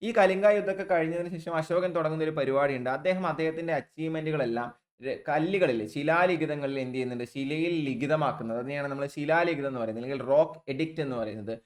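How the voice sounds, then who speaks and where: A man's voice: a little high, fast. A male exam coaching teacher with a Malayali accent, giving a recorded online lesson. He talks in a chatty, informal way, keeps asking his own rhetorical "what do we do?" prompts and calls his students children.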